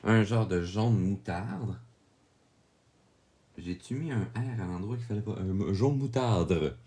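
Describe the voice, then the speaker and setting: A man with a Québécois French accent talks through a drawing tutorial in a lowish voice. He takes his time and walks through each step calmly, often checking in with the viewer. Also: a little slow. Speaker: drawing instructor.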